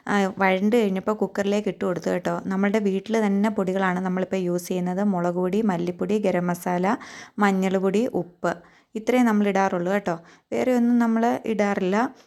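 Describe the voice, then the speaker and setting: A woman's voice: medium pitch, steady tone, brisk, darkish tone. A young adult woman with a Keralite Malayalam accent, giving chatty voice-over narration for a home cooking vlog and often turning to ask viewers for their thoughts. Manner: chatty, tags many sentences with a friendly aside, asks viewers to share. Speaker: cooking vlogger. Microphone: voice-over recorded separately.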